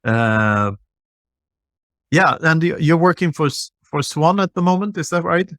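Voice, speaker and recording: A man hosting a podcast, chatty and quick to laugh, with many fillers and restarts. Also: a little high, animated, a bit bright, dry recording, clean studio sound. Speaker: podcast host. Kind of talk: casual chat.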